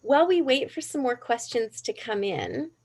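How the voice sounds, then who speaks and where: A woman's voice: on the high side, big pitch swings, moderate pace, gravelly, darkish tone. A woman moderating a book event, politely thanking the author and reading out audience questions. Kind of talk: hosting a Q&A.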